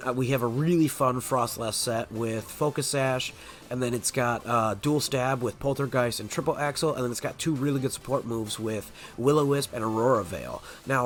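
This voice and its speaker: A man with a stuffed-up nose from a cold, chatting casually as host of a competitive game video, with lots of filler words. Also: medium pitch. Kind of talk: casual gameplay commentary.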